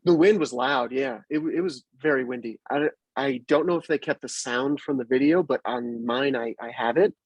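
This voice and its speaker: Male guest, husky, animated storyteller; dry close recording. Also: mid-range voice, normal speed, hardly any pauses, no echo. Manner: animated retelling, acts out quotes. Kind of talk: casual storytelling.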